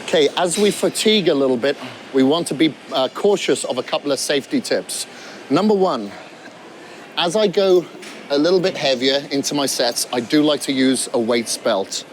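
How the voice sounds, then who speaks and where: A man's voice: fairly high pitch, normal speed, slight background noise. Man coaching a gym workout. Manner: coaching, demonstrating exercises while talking. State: out of breath at times. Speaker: fitness trainer.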